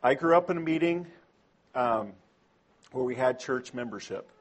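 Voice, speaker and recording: A man's voice: mid-range voice, animated, moderate pace. A man preaching a sermon to a congregation in a conversational way, often asking them questions.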